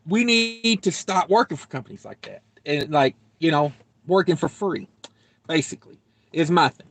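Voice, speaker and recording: A young man with a high, bright voice rambles through a casual live stream from his truck cab. He jokes freely and reads viewer comments aloud. The sound is dry and close, with no room echo. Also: lively intonation, normal speed. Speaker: trucker livestream host.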